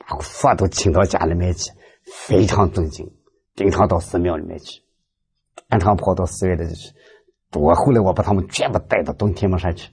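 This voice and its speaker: A man's voice: lowish voice, warm tone, husky. A man giving a storytelling Buddhist talk, animatedly acting out the dialogue of his stories. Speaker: lay Buddhist speaker.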